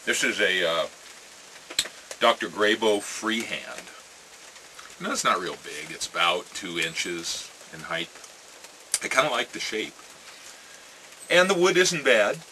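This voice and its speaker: Very low-voiced American man, musing casually. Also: animated. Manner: musing, halting, with trailing phrases. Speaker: pipe-smoking vlogger. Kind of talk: casual rambling chat to camera. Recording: clear ambient noise with birdsong.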